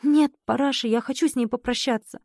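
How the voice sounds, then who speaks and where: Woman doing a young village girl, high, anxious, pleading. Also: fairly even intonation, a little fast, a little mellow, no echo, clean studio sound.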